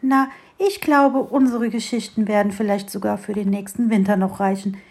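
A woman voicing a small, curious young fir tree in a storybook reading, eager and bright-voiced. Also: medium pitch, fairly even intonation, moderate pace, close to an everyday voice.

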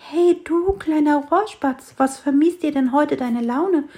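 A woman voicing a small, kind and gently teasing fir tree in a children's storybook. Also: high-pitched, a little slow, pitched above the performer's own voice. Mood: friendly.

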